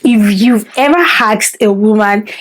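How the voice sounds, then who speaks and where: A woman's voice: mid-range voice, a little slow. Emphatic woman vlogger. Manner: expressive, emphatic, mock-scolding asides. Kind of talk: direct-to-camera advice vlog.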